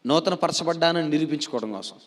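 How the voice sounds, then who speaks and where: A man preaching a sermon as pastor, asking rhetorical questions, repeating them and answering himself, slowing to stress key phrases and swinging between loud declarations and quiet asides. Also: on the high side.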